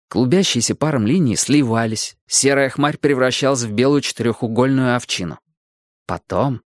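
A man narrating a children's story aloud, reading in an expressive, animated way. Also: medium pitch, no echo, studio quality. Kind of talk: audiobook storytelling.

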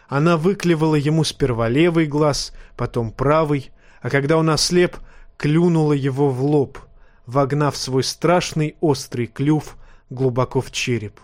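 Male audiobook narrator, steady even delivery, mid pitch, dry booth sound. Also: no echo. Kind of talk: scripted narration.

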